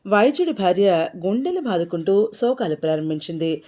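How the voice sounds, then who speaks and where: Woman reading a story with lively intonation. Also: mid-range voice, brisk. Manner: expressive, animated reading. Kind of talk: storybook narration.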